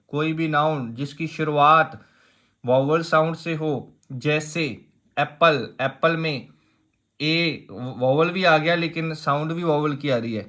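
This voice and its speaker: A man's voice: a little high, a bit bright. A man teaching an exam-prep grammar lesson, explaining step by step, asking rhetorical questions and repeating key points.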